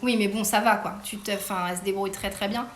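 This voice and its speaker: A middle-aged woman hosting a casual live-stream from home, asking her daughter questions in a chatty way, full of fillers and quick laughs. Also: mid-range voice, fairly even intonation. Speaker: host interviewing her daughter. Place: home room. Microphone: phone. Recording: roomy echo.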